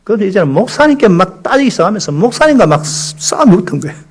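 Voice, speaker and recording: A male pastor delivers a sermon in a church with a voice sitting a little above the usual male range. He tells his stories with animated energy, acting out the quotes, and calls on the congregation to recite lines back with him. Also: sits high, fast, husky, poor audio. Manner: leads the congregation in call-and-response recitations; animated storytelling with acted-out quotes. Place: church sanctuary.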